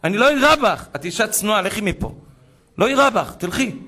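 A man voicing a harsh armed male terrorist who barks commands in a shrill, forceful voice. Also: expressive, exaggerated voice. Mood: commanding.

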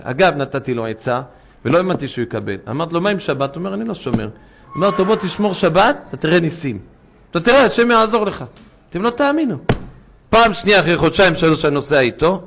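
A man's voice: mid-range voice, gravelly. A man, a rabbi, telling stories in a sermon, acting out the dialogue and building to impassioned warnings. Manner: storytelling, acting out dialogue, rising to impassioned exhortation. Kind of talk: sermon with anecdotes.

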